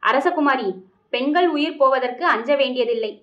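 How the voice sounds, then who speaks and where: Storybook villain: a scheming, menacing man, voiced by a woman; high-pitched, muffled recording. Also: moderate pace, a bit bright. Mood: stern, menacing. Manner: stern and threatening. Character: scheming menacing male kidnapper, grown man.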